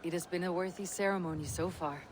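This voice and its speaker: A woman voicing a stoic Viking warrior in a video game, measured, formal and plainspoken. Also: lowish voice, steady tone, noisy background, natural voice. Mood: composed.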